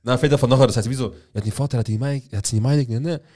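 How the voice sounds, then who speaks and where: A man's voice: medium pitch, very fast, dark tone. A young man, telling a story in casual, slangy chat and rambling along.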